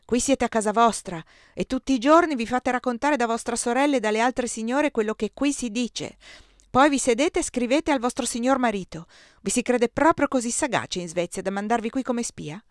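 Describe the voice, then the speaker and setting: A proud, irritable emperor, read aloud by a woman speaks in a commanding, sarcastic tone that can flare into shouting. The voice sits at a medium pitch. It is recorded dry and close for an audiobook. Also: animated, normal speed, no room sound, close to an everyday voice. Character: imperious irritable male emperor, sarcastic and quick to rage. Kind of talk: audiobook reading.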